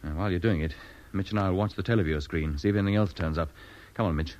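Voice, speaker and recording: Old radio drama, actor as steady in-charge ship captain, fairly deep, dull recording. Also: male voice, rapid-fire, lightly acted. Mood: firm. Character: calm, authoritative spaceship captain. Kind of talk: vintage radio drama acting.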